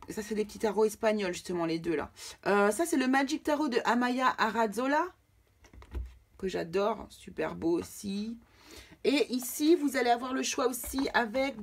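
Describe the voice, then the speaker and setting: A woman's voice: mid-range voice, a little hiss or hum. A woman giving a casual tarot reading to camera, chatting directly with her viewers. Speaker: tarot card reader.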